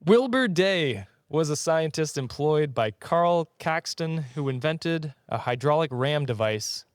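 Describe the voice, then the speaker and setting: A man hosts a casual comedy podcast, sharing trivia and bantering jokily, often chuckling as he talks. His voice is on the high side, unhurried, with lively intonation. The sound is clean studio audio with no echo.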